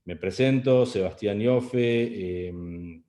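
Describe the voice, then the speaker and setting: Speaking very slowly in a dark, low-ish voice, a middle-aged man with an Argentine Spanish accent delivers an online webinar presentation. He hesitates a lot, filling pauses and restarting his sentences. The room is echoey.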